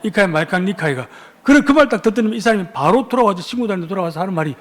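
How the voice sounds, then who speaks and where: A man's voice: high-pitched, animated, racing, long reverb tail. A male pastor preaching a sermon in a church, firing off rhetorical questions and building to emphatic peaks. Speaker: guest pastor. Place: church sanctuary.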